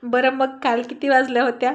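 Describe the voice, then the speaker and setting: A woman's voice: sits high, flat delivery, a little fast, muffled recording, close to an everyday voice. A woman voicing a tired, fond young wife. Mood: fond scolding. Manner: laughing, fondly scolding.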